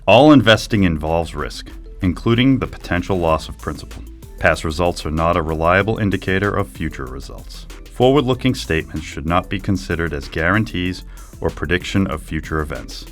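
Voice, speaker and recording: Announcer, man, very low voice, steady formal disclaimer read, faint music. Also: a little fast.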